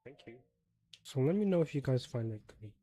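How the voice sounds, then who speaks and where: A man's voice: medium pitch, lively intonation, moderate pace, mellow. A man live-streaming a video game, chatting casually with his viewers while he fixes his setup and plays.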